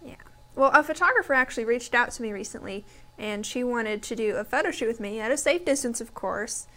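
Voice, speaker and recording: A woman co-hosting a casual talk show, speaking in a relaxed, conversational way. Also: on the high side, fairly quick. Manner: relaxed and conversational, with frequent agreeing replies. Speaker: co-host. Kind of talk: casual chat.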